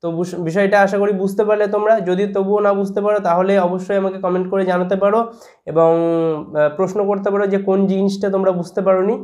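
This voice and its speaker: A man's voice: sits high, flat delivery, quick pace, a little mellow. A man with a Bengali accent teaching an English lesson in a video. He spells words out letter by letter and asks the viewer questions, then answers them himself.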